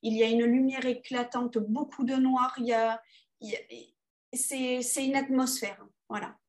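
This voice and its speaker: A woman, an underwater photographer being interviewed, talking casually with many pauses and restarts. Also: fairly high pitch, fairly even intonation, darkish tone. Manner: hesitant, many fillers and restarts.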